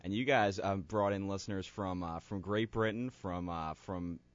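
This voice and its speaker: Young male student radio staffer, low voice, halting with restarts; muffled lo-fi audio. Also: fairly even intonation, no echo. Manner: halting, many restarts, friendly praise. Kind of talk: casual radio chat. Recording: muffled lo-fi studio mic.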